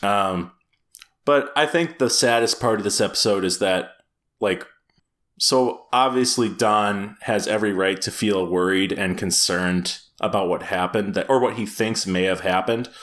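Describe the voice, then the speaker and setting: A man co-hosting a podcast, talking in casual chat. His voice sits a little low, and he keeps breaking into laughter as he rambles along with fillers and restarts. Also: a little slow, a bit bright. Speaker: podcast co-host.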